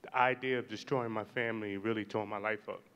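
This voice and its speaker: A man in his forties from New York telling his life story as a panel guest, measured and reflective with pauses. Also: lowish voice, fairly even intonation, a bit bright, clean tone. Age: 40s.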